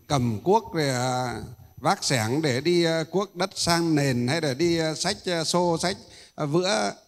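A male Buddhist monk giving a sermon. He pauses often on drawn-out "uh" sounds and asks rhetorical questions that he then answers himself. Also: fairly high pitch, lively intonation. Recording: echoey hall.

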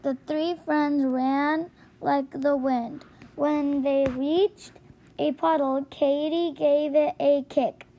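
A woman's voice: high voice, fairly even intonation, takes it slowly, muffled recording. A woman reading a children's book aloud, carefully, with occasional slips and restarts. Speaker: storybook reader.

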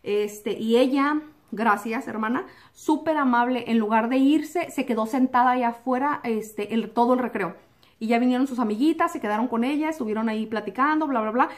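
Young woman vlogger, lively storytelling, voice sits a bit high, acts out the scenes. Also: normal speed. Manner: animated, acts out quotes and sound effects like "pum"; drops English words into Spanish. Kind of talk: personal storytelling to camera.

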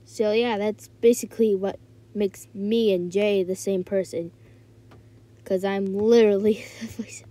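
A woman's voice: medium pitch, fairly even intonation, a little slow, mellow. A woman talking casually to her viewers as a video creator, playful and rambling. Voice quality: playful, rambling, self-correcting. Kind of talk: casual talk to camera.

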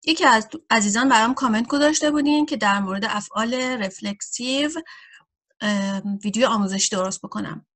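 A woman teaching a German grammar lesson, addressing viewers directly and saying example sentences slowly and carefully for learners. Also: a little high, fairly bright tone. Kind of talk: grammar lesson explained in Persian.

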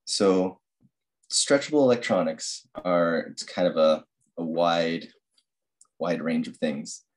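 A young man, a master's student, giving an academic slide presentation over a screen-recorded video call, halting with many fillers and restarts. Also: sits low.

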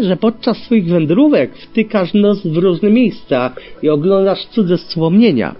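A man's voice: high-pitched, full character voice. A man voicing a huge old male dragon who speaks in a gloomy, menacing growl. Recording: dull lo-fi with faint music.

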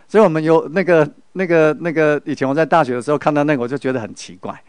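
A man's voice: fairly high pitch, fast, a little mellow, clean tone, no room sound. A middle-aged man with a Taiwanese Mandarin accent gives a Buddhist spiritual lecture. He tells stories and keeps asking his audience rhetorical questions.

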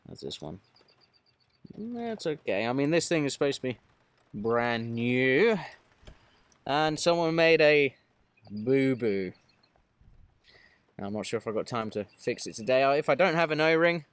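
A man in his thirties, a mobile mechanic, casually explaining a repair to a phone camera, matter-of-fact with many fillers. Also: medium pitch. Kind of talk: casual work vlog narration. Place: van cab and outdoors at a vehicle in rain. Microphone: phone camera held at arm's length.

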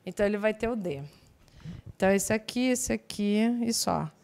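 A woman teaching English in a live online exam-prep class, explaining in a chatty way with lively asides. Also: medium pitch, normal speed, creaky. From Brazil.

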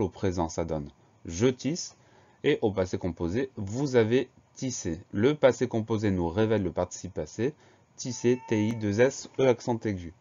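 A man with a fairly low voice gives a spelling lesson. He talks slowly and patiently and spells each word letter by letter. The recording is dull and lo-fi. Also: dark tone. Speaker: teacher.

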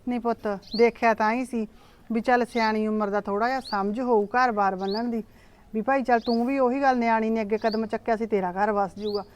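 A woman's voice: a little high, fairly even intonation, brisk, slight background noise, close to an everyday voice. A woman playing a scolding village aunt. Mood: stern. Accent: Punjabi. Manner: scolding, reassuring. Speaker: older aunt consoling her niece. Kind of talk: village drama dialogue.

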